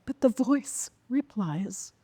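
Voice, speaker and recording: A woman telling a dramatic personal story in a slow, intense way, sometimes sinking to a whisper. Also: on the high side, expressive, warm tone, slightly rough, in a large hall. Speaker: speaker.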